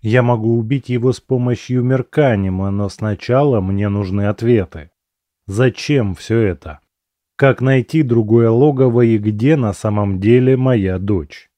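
A man narrates a fantasy novel in the first person, steady and measured. His voice is mellow and dark, recorded dry and close with no room sound. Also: medium pitch, no echo. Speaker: audiobook narrator.

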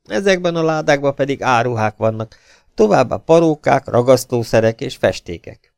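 A man's voice: medium pitch, expressive, gravelly, no room sound, pitched above the performer's own voice. A middle-aged baron who is courteous on the surface and curt underneath, played by a male audiobook reader. He speaks firmly and ceremoniously, in a mid-range man's voice. The sound is close and dry. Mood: cold courteous. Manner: polite but firm, curt, ceremonious. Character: cold, courteous, sinister German baron, middle-aged man. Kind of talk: audiobook character reading.

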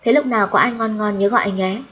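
A woman's voice: mid-range voice, fast, fairly bright tone, natural voice. A lecherous male regular customer calling in a casual, overly familiar way, voiced by a woman narrator. The delivery stays close to her plain audiobook voice.

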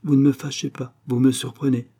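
A man's voice: medium pitch, flat delivery, fairly quick, creaky, mellow, voice pushed up. A man reading the part of a young woman who answers in a dry, firm, clipped way. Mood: curt. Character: cool, curt young woman, a gifted musician.

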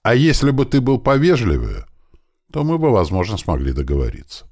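A man's voice: lowish voice, huge pitch swings, brisk, darkish tone, pitched above the performer's own voice, exaggerated voice. A man doing a menacing young thug boss. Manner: threatening, hissing through teeth.

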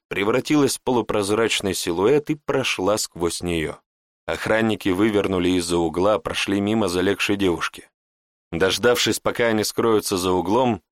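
A man narrating a fantasy audiobook in an even storytelling manner. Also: fairly low pitch, no room sound, clean studio sound. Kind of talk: scripted narration.

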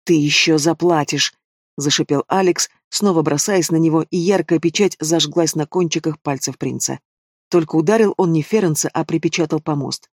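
A man's voice: on the high side, darkish tone, no room sound, clean studio sound. A man reading a fantasy novel aloud as an audiobook narrator, voicing the dialogue with little change of character. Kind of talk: scripted narration.

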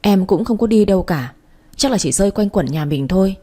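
A woman's voice: mid-range voice, animated, brisk, mellow, lightly acted. A woman voicing a scheming young stepmother who speaks in a falsely sweet, wheedling way in a storybook reading. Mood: fake worry. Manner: fake pleading, wheedling.

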